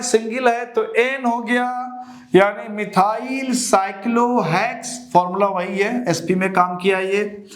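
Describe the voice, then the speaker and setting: High-voiced man teaching in an echoey room. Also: a bit bright. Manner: asks rhetorical questions and repeats answers; addresses students as children. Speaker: chemistry teacher. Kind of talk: classroom lecture to students.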